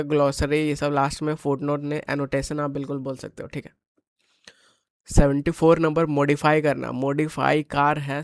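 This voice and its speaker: A male exam tutor with an Indian English accent and a fairly high voice, switching into casual Hinglish between questions. He reads the English sentences aloud slowly before breaking them down. The recording is dry and close, with almost no room sound. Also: gravelly, no room sound, low-quality recording. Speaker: exam coaching teacher. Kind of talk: exam paper solution lesson.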